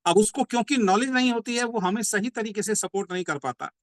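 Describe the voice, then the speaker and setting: This man, a network marketing trainer, speaks in a high-pitched voice with no echo during a motivational business training session. He repeats his points, poses rhetorical questions, and drags out important slogans slowly.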